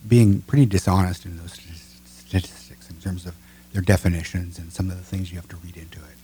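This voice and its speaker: A man's voice: sits low, fairly even intonation, brisk, warm tone, a little hiss or hum. A man co-hosting a casual political talk show, making blunt, sardonic remarks.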